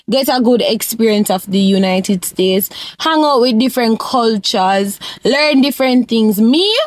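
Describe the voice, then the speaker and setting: A woman's voice: a little high, dry recording. Chatty young Jamaican woman vlogger. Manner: chatty, mixes Jamaican patois with English. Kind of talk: casual advice vlog.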